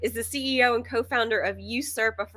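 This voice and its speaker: A woman with a high, bright voice hosts a live online webinar. She talks in an upbeat, chatty way and laughs easily. Her tone is sharp and lively. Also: fast talker. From Texas. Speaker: webinar host.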